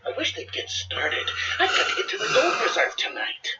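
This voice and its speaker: An excitable cartoon duck crime fighter, self-assured and high in pitch. His delivery swings widely up and down. The audio is dull, with music behind it. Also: normal speed, recorded from a distance, noisy background, full character voice. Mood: eager, determined. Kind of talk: children's read-along cartoon acting.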